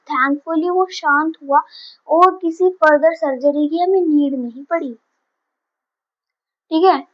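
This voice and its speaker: A woman's voice: high voice, fairly bright tone, dull audio. A woman teacher giving a vocabulary lesson, patiently explaining each word and switching between Hindi and English.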